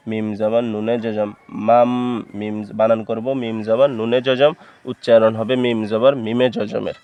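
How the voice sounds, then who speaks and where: A man's voice: on the low side, smooth, dull audio. A man teaching Quran reading, patiently spelling out letters and syllables one at a time. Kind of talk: slow spelling-out recitation lesson.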